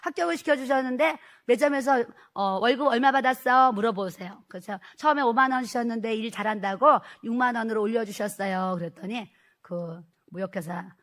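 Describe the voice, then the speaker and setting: Sharing her personal story from the pulpit, this middle-aged woman pastor keeps things lively and acts out each exchange. She speaks a touch fast, with a slightly high pitch.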